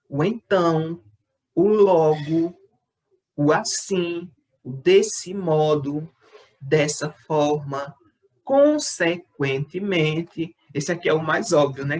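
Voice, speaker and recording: A male schoolteacher whose voice sits on the high side records a lesson for sixth graders. Patient throughout, he pauses often to check in with the class and reads his example sentences out slowly.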